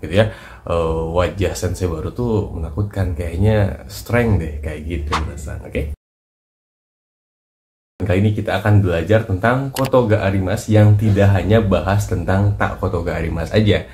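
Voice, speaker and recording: Low-voiced man teaching casually. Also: moderate pace. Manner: relaxed, chatty, trailing off softly at line ends. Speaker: Japanese language teacher. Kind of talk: casual lesson in short clips. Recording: noisy recording with clicks.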